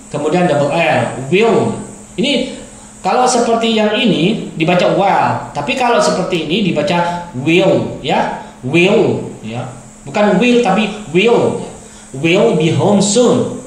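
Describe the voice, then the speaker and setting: A male teacher giving a grammar lesson, explaining patiently and repeating and rephrasing his examples. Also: sits high. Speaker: English teacher. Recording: very echoey room.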